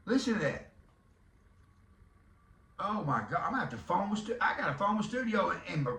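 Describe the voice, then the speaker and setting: Texan dude in his 50s, gravelly bright voice, rambly jokey podcast talk, echoey room. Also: sits high, far from the mic, a little hiss or hum. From Texas. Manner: rambling, jokey, breaks into hollers. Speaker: podcast host. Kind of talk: casual monologue.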